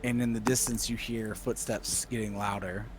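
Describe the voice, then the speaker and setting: A man acting as game master, improvising narration for a tabletop game and often pausing mid-phrase. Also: fairly low pitch, level tone, background noise.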